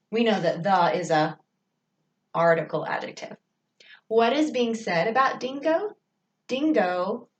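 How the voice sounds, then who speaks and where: A woman's voice: mid-range voice, fairly bright tone, roomy sound, distant mic, a little hiss or hum. A woman teacher, patiently asking questions as she takes her pupils through a remote grammar lesson.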